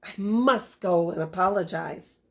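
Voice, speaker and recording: A woman voicing a slow male snail in a storybook, earnest and proud in manner. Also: fairly low pitch, vocal fry. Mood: indignant.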